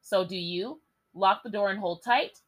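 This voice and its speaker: A young woman hosting, reading a gamebook aloud with lively delivery and swearing, joking asides. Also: mid-range voice, unhurried, rough recording. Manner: lively, swears and jokes between passages. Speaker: host.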